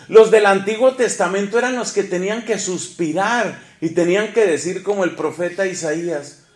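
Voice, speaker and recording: A man preaching a sermon, animated, asking the congregation questions and swinging between loud and hushed delivery. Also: sits high, roomy sound. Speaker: priest preaching.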